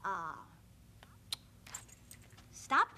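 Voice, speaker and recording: A woman's voice: high-pitched, animated, fast, pushed and bright, heavily acted. An actress playing Millie, a literal-minded rookie policewoman in a children's TV comedy sketch, speaking in stiff, formal phrases.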